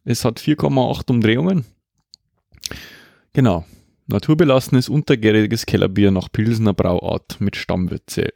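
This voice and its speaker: A man's voice: lowish voice, moderate pace, gravelly, warm tone, no echo, clean studio sound. A man co-hosting a casual podcast, rambling and hesitant with many fillers. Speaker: podcast co-host. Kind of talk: casual chat.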